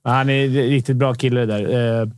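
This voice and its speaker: A man's voice: mid-range voice, fairly even intonation, darkish tone, dry recording. A man co-hosting a casual sports chat show, joking and laid-back. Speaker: podcast co-host.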